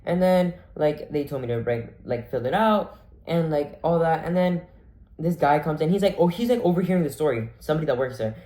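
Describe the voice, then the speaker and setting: A man's voice: fairly high pitch, lively intonation, fairly quick, dark tone. A young man telling a story casually, full of "like" and acted-out quotes. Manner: chatty, full of "like", acts out quoted voices. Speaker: vlogger. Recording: echoey room.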